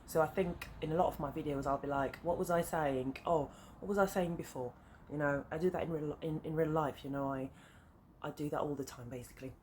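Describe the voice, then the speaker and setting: A brisk, darkish, low-sitting voice with fairly even intonation belongs to a French-accented woman in her thirties, French her native tongue, speaking English. She's a sewing vlogger chatting casually to camera, rambling and easily sidetracked, with many fillers and side notes. Faint traffic from a busy road outside her flat sits behind the recording.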